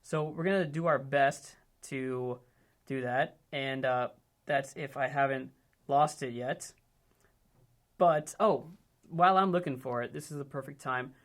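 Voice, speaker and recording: A man from Ohio, United States, hosts a casual indoor chat with friends. His mid-range voice is unhurried, and his talk is upbeat and loose.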